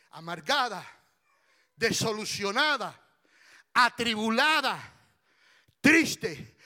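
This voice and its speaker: A man preaching a passionate sermon as pastor, rising to shouts and drawing his words out slowly. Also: very high-pitched.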